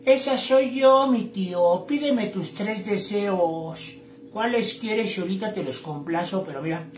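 Brief: male comic doing a swaggering she-snake genie, Mexican street slang, hushing "shh", slightly high, echoey room. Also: measured pace, a little hiss or hum. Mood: cocky, slangy. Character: cocky female magic snake genie.

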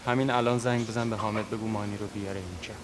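An actor playing an angry boss who demands answers and orders people around. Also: male voice, on the low side, steady tone, very noisy, lightly acted. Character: angry boss man demanding his kidnapped son.

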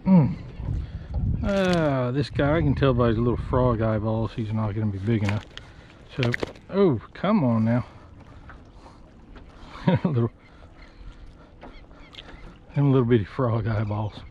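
A man, talking casually to viewers while fishing from a small boat on a marsh, folksy and excited. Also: mid-range voice, slow pace, pauses often. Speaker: fishing vlogger. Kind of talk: casual play-by-play fishing vlog. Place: small boat on open marsh water, outdoors. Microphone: chest-mounted action camera. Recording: slightly dull action-camera audio with faint water noise.

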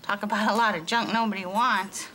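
An actress playing a chirpy, tactless, dim young bartender in a sitcom. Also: female voice, medium pitch, fairly even intonation, brisk, sharp tone, a little hiss or hum, lightly acted. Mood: chirpy, blunt. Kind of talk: sitcom acting.

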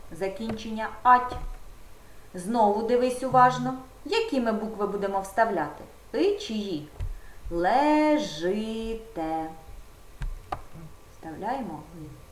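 A woman teaching a primary school video lesson, patiently guiding the pupil step by step. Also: medium pitch. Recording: roomy echo with faint background noise.

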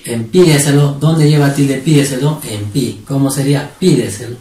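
A man's voice: medium pitch, normal speed, dark tone. Man teaching from far off in a roomy space. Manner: asks questions and answers them himself; drills words syllable by syllable. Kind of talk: online spelling lesson. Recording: roomy sound from a distant mic.

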